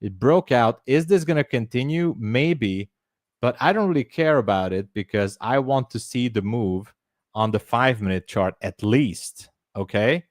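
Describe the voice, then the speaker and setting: A Hungarian man with a Hungarian accent hosts a live trading stream, chatting casually and reading viewers' names aloud. His voice sits in a middle pitch. The sound is close and dry, with no room to it. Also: animated, a little slow, dry recording. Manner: chatty, upbeat, reads chat aloud. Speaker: livestream trading host.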